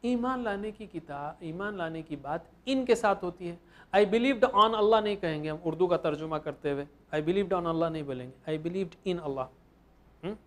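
A man teaching grammar in a lecture, patiently repeating each example step by step. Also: high voice. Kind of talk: classroom lecture.

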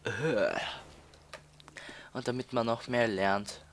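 A man's voice: mid-range voice, fairly even intonation, slow pace, slight background noise. A teenage boy from Austria, chatting while playing a game, stalling and repeating words with many fillers. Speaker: let's player. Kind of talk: casual gameplay commentary.

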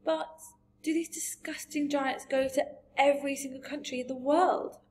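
A woman's voice: sits high, fairly even intonation, normal speed, darkish tone, pitched above the performer's own voice, close to an everyday voice. A woman voicing a curious, kind young girl in a storybook, earnest and questioning. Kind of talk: storybook character voice.

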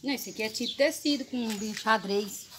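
A woman's voice: fairly high pitch, normal speed. Talkative Brazilian mother, noisy home recording. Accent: Brazilian Portuguese. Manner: talkative, exclaiming to viewers. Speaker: vlogger's mother. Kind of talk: casual home chat. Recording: home recording with clear background noise.

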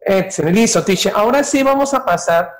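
A woman's voice: medium pitch, animated, brisk. A woman acting as learner in a beginner English lesson, asking clarifying questions and checking her understanding aloud. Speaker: co-teacher playing the learner.

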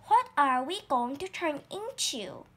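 A woman voicing an excited, eager young male pollywog in a read-aloud storybook, asking bouncy questions. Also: high voice, slow pace, full character voice.

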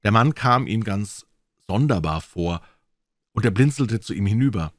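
A man reading a classic crime story aloud with dramatic, expressive narration. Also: lowish voice, moderate pace, dry recording, studio quality. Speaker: audiobook reader.

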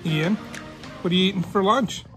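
On a hiking trail in a coastal park, a family vlogger narrates his walk, chatting and pointing things out along the way. His voice sits high, with a fairly bright tone and a normal speaking speed. Soft music plays in the background.

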